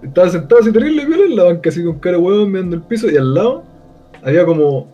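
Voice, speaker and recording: A man's voice: sits high, big pitch swings, rapid-fire, mellow, muffled recording, soft background music. A man with a Chilean accent, a podcast co-host, telling a story in casual, crude slang and acting out the people in it. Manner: crude slangy storytelling, acts out quoted voices.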